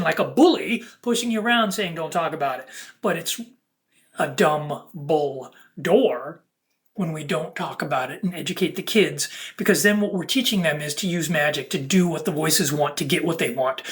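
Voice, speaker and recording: In a mid-range, fairly bright voice, a speaker whose sex is unclear hosts a video, offering a rambling spiritual monologue. They come across earnest and preachy, with fragmented speech.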